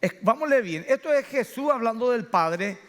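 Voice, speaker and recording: High-voiced pastor preaching in a hall. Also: male voice, animated, normal speed, fairly bright tone. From Paraguay. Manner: storytelling, acting out family dialogues. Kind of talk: sermon. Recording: reverberant church hall.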